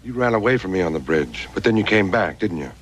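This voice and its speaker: A hard-boiled private eye with a lively, swinging delivery, blunt and clipped in a TV crime drama. His talk rides up and down as he pushes people around. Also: deep voice, fast, slight background noise. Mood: tense. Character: tough wisecracking adult male private eye. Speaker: detective. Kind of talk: 1980s TV crime drama acting.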